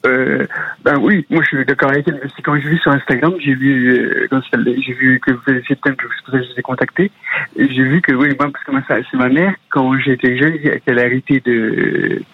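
A man calling in to a radio show, hesitant and quick, sounding distant on a tinny phone line as if on speakerphone. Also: medium pitch, fairly even intonation, slightly rough. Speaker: radio caller. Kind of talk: call-in radio chat.

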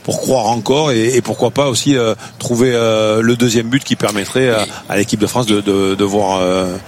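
Animated male football pundit on radio. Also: fairly low pitch, moderate pace, a little hiss or hum. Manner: animated, many fillers and restarts, enthusiastic about the game. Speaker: football consultant. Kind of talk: live match analysis on radio.

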